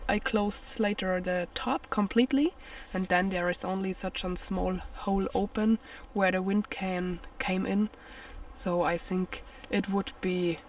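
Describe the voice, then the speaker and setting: Distant mic, woman, non-native English, slow hesitant speech, casual camping vlog, outdoors in a night storm. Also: mid-range voice. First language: not English. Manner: hesitant, simply worded explaining. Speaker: solo camping vlogger. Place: forest camp at night during a storm.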